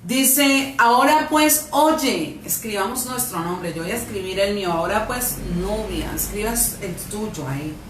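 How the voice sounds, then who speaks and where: A woman's voice: lowish voice, recorded from a distance, a little hiss or hum. A woman with a Colombian accent preaching a fervent sermon to a congregation, with emphatic rises in her voice. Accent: Colombian Spanish. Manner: emphatic, rising to loud fervent peaks. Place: church hall. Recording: echoey hall, voice from off-mic.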